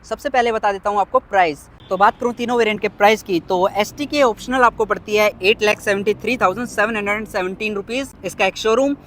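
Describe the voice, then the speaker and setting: High-voiced man doing a car walkaround. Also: a bit bright, slight background noise. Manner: brisk feature-by-feature listing. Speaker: car reviewer. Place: outdoors beside parked cars.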